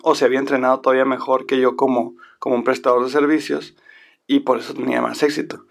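A man's voice: mid-range voice, little pitch movement, fast, vocal fry. A man talking casually and reflectively in a conversation, often restarting his sentences. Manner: reflective, many restarts and fillers.

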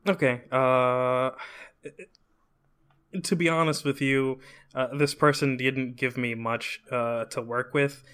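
Laid-back guy cohosting a podcast, talks slow and dry, bright sounding. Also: mid-range voice, fairly even intonation, clean tone. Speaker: podcast co-host. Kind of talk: casual comedic chat.

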